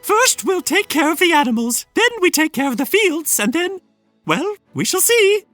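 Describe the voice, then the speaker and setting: In a storybook reading, a very high, bright female raccoon farm wife put on by a man gives orders with brisk cheer. She sounds sharp and squeezed, far from a plain voice, and faint music plays behind her. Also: sing-song, no echo, full character voice. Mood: brisk, cheerful.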